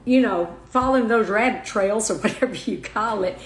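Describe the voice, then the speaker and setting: Older woman, soft and halting, roomy. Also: medium pitch. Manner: soft, halting, with many restarts and fillers. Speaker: guest, mother of the host. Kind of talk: emotional personal interview. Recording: roomy echo.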